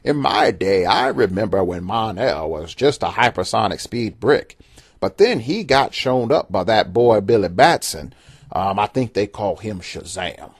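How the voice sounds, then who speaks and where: A man's voice: lowish voice, animated, measured pace, slightly rough, no room sound, clean studio sound, heavily acted. A man putting on the voice of a grumpy old man reminiscing about the old days, rambling and nostalgic.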